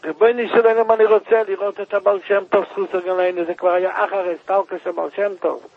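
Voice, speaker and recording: A man preaching by telling a story with emotion, rising now and then to loud, high cries. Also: level tone, vocal fry, husky, phone-quality sound. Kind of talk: storytelling sermon.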